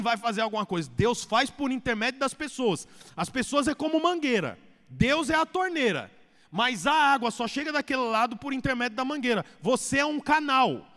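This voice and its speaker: A man preaching a sermon as pastor, swinging between loud and hushed delivery. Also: extremely high pitch. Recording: echoey hall reverb.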